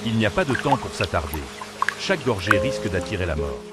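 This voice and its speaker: A man's voice: fairly low pitch, sing-song, fairly quick. A man delivering scripted wildlife documentary narration in a solemn, dramatic manner. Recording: narration over prominent music. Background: music.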